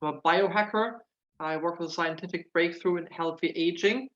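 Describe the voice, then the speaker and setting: Speaking at a moderate pace in a slightly high, fairly bright voice, a German man with a hint of Irish in his accent gives casual answers as a guest on an interview. He works as a nutritional therapist and comes across earnest, frequently repeating words as he hunts for them. The sound is lo-fi.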